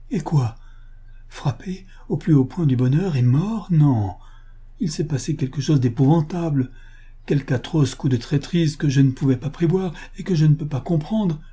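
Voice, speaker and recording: A man's voice: dark tone, breathy edge. A man voicing a grief-stricken young kidnapped bride, reading a pulp adventure audiobook in anguished outbursts. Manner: sobbing, breathless outbursts, rising pitch in grief.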